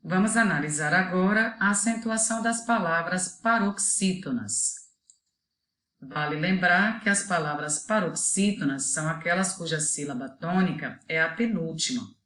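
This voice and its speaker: A woman teacher with a Brazilian Portuguese accent giving a video lesson to children, saying each example word slowly and deliberately. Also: fairly low pitch, fairly bright tone. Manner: slow, deliberate, spells out example words one by one. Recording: echoey room.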